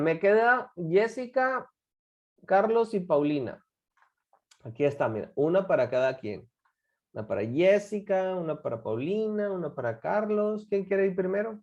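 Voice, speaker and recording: A woman with a medium-pitched, darkish voice teaches an English class on a recording with the highs cut off. She patiently coaxes her students with guiding questions and drills pronunciation by repeating words.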